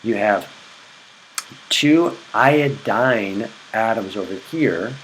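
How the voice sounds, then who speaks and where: Low-voiced man teaching chemistry. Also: animated, drawn-out words, a bit bright, a little hiss or hum, rough recording. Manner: repetitive, checks in with "okay?". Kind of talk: recorded classroom lecture.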